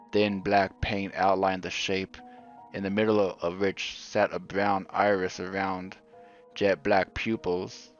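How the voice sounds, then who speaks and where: A man reads a horror story in a very deep, flat voice, keeping his delivery slow and subdued. The recording sounds dull and lo-fi, and soft music plays faintly underneath. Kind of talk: scripted horror narration.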